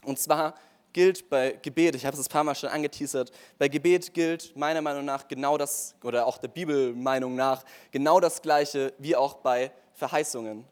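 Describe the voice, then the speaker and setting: A man's voice: medium pitch, fairly even intonation, normal speed. A young man giving an earnest, casual sermon-style testimony, speaking straight to his listeners with frequent fillers.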